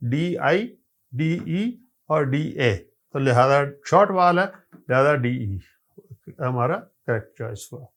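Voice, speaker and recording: Gravelly Pakistani man teaching spelling. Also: mid-range voice, a bit bright. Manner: methodical, spells words out letter by letter; explains in Urdu with English terms mixed in. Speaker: English teacher. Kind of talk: recorded exam-prep lecture.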